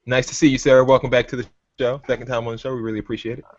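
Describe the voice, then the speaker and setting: A man's voice: mid-range voice, level tone, racing, dry recording. A man hosting a casual sports talk podcast, brash and teasing, bossing his co-hosts around. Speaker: podcast host. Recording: dull lo-fi recording.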